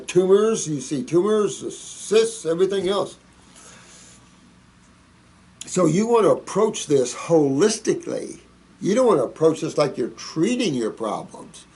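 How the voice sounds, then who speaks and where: A man's voice: on the high side, warm tone. A man hosting a question-and-answer show, giving folksy, rambling, preachy advice as he reads out and answers viewer questions. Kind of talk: casual monologue answering read-out questions.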